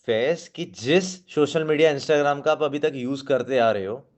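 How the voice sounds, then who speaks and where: A man's voice: medium pitch, a little slow. A man giving a spoken sales-skills training to a seated audience, coaching and often checking in with 'okay?'. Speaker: team trainer.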